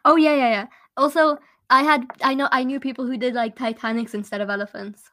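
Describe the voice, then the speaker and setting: High-voiced, teasing British woman. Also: fairly even intonation, brisk, pushed and bright. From Britain. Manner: playful and teasing, laughs often. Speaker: podcast co-host. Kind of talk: casual chat.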